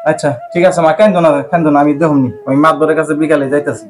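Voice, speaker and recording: In an amateur village drama, a man plays a poor widowed laborer father, lamenting his hardship aloud and pleading to God. His voice is on the high side and close to everyday speech, with a steady tone and a very fast delivery.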